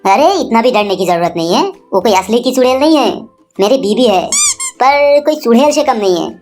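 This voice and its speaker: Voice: mid-range voice, lively intonation, fairly quick, darkish tone, close to an everyday voice. A performer voicing a brash, bossy young married man in a cartoon, over background music. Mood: exasperated.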